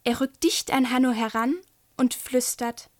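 A woman reading a children's book aloud and talking gently to young listeners. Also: on the high side, little pitch movement, unhurried. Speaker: storyteller.

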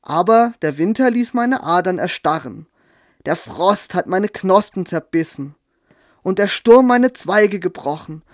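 A man voicing a weary male red rose bush in a storybook tale, speaking slowly and gravely. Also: sits high, lively intonation, no room sound, studio quality. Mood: sorrowful. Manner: slow, grave.

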